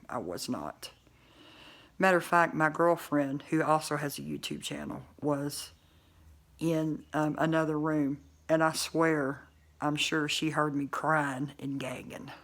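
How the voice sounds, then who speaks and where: Gravelly woman with muffled denture speech. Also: low voice. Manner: rambling, many fillers and restarts. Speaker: vlogger. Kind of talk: casual talk to camera.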